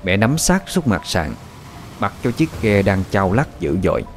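A man narrating a horror story in a dramatic, expressive style. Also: lowish voice, measured pace. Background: faint background music.

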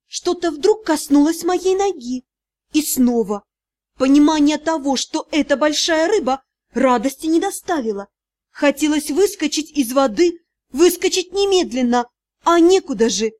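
A woman's voice: high voice, expressive, measured pace, darkish tone. A woman reading a first-person fantasy audiobook with a dramatic, emotional delivery. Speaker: audiobook narrator.

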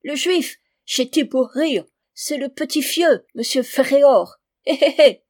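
A woman voicing an eager, scheming middle-aged German man who wheedles and chuckles high. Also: a little slow, a little mellow, dry recording, clean studio sound. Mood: wheedling.

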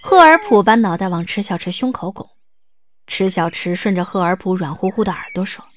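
A woman reading the narration of an audio drama in a smooth, lightly wry storytelling manner. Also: medium pitch, lively intonation, fairly quick, a little hiss or hum.

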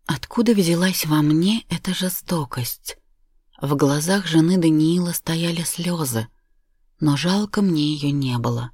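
A woman narrating a first-person story in a measured, steady way. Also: sits low, no room sound, clean studio sound. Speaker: audiobook narrator. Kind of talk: scripted narration.

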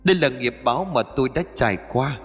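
A man voicing the sorrowful ghost of a dead mother, who speaks in a mournful, pleading and gently scolding way. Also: mid-range voice, expressive, fast talker, long reverb tail, close to an everyday voice. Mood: anguished.

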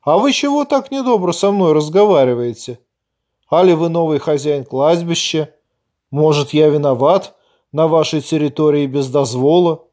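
A male narrator voicing a gruff, hot-tempered village man of 48 who needles and then placates. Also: a little high, normal speed, darkish tone, close to an everyday voice. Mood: testy.

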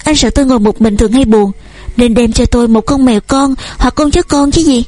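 Woman putting on a high sweet voice, shy gentle young painter girl, soft and playful, audiobook romance. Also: a little fast, faint music behind, close to an everyday voice. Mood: tender.

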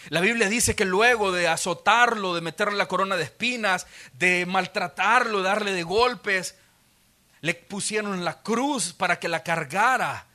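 A man's voice: high-pitched, sharp tone. A male pastor preaching a sermon in a church auditorium, telling stories vividly and acting out the quotes. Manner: vivid storytelling, acts out quotes.

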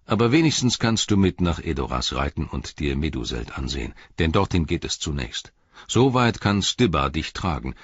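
A man's voice: extremely low pitch, very animated, normal speed, slightly rough, dull audio, exaggerated voice. A man voicing a grave, resolute old king. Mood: kindly firm.

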